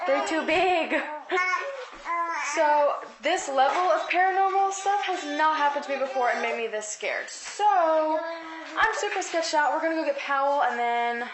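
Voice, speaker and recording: A woman's voice: high-pitched, normal speed, roomy sound, noisy background. A woman vlogging at home, telling a story to the camera in a tense, rambling way, full of "like". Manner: tense, rambling, heavy use of "like".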